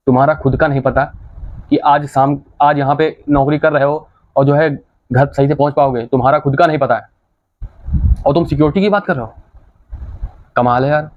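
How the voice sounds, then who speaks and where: A man talks straight at his viewers in casual commentary, blunt and scolding, pushing his point again and again. His voice sits a little high. The sound is dull and lo-fi. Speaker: reaction video host.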